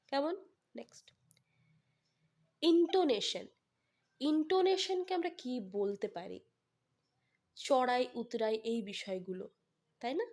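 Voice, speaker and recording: A woman with a Bengali accent teaching an exam-prep lesson, reading English lines slowly and then explaining them, checking in with her students. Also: high-pitched, darkish tone.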